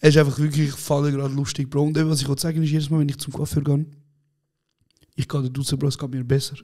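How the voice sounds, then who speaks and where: A man with a Swiss German accent chats on a podcast in slangy street talk. He tells funny stories and acts out the people in them. His voice sits a bit high with a mellow, dark tone. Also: level tone, fast talker. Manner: slangy storytelling, acts out quotes, laughs a lot. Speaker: podcast co-host. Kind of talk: casual chat.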